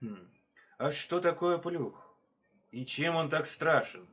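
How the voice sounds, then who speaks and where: A man voicing a bold, loud snow leopard in a storybook tale, questioning the others commandingly. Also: fairly high pitch, expressive, takes it slowly. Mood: puzzled.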